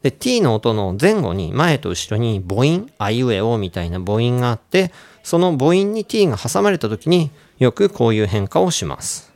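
A man hosting a radio English lesson who plays a friendly doctor giving out cures and explains pronunciation in a relaxed, joking way. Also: medium pitch, moderate pace. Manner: playful doctor role, casual asides. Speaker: radio show host and English coach.

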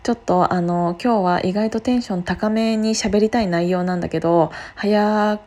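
A woman hosts a casual solo radio chat, keeping her voice down and pausing often on drawn-out fillers as she explains things informally. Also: medium pitch, steady tone. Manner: keeping voice down, speaking softly in a place needing quiet. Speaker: radio show host, apparel designer.

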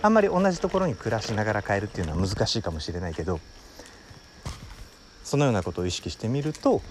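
A man's voice: fairly low pitch, big pitch swings, quick pace, background noise. Man, podcast host, swooping melodic voice, explanatory, thinking aloud, faint crickets behind. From Wakayama, Japan. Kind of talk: casual solo talk. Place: at his family home.

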